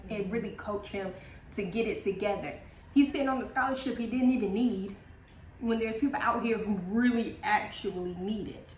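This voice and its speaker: A woman's voice: mid-range voice, a little hiss or hum. Woman co-host, casual slangy recap talk, echoey room. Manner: animated, laughs often, slangy.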